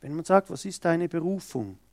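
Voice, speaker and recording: A man's voice: a little high, lively intonation, darkish tone, no room sound, clean studio sound. A man preaching a sermon, reading scripture and stressing quoted words with emphasis. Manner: slow, emphatic, acts out quoted speech.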